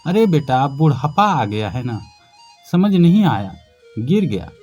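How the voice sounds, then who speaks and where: A man voicing a patient, loving aging mother with a soft, tender manner in a narrated story. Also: mid-range voice, very animated, unhurried, breathy edge, muffled recording, faint music behind.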